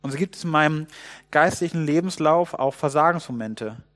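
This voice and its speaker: A man preaching a sermon, telling a Bible story with lively swings between loud outbursts and hushed asides. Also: fairly high pitch, moderate pace.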